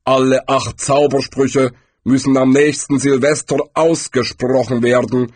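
A man voicing Death as a calm, weary, unhurried figure in an audiobook. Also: mid-range voice, slightly rough, no room sound, pitched above the performer's own voice.

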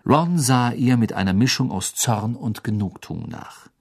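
An audiobook narrator reading a story in an expressive, lively way. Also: medium pitch, measured pace, gravelly, breathy edge. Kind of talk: scripted narration.

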